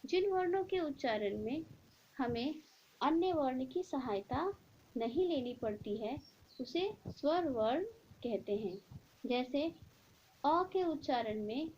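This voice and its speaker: A woman teacher explaining a grammar lesson slowly and deliberately, drawing out the example sounds. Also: high voice, expressive, darkish tone. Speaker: school teacher. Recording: dull lo-fi recording with faint noise.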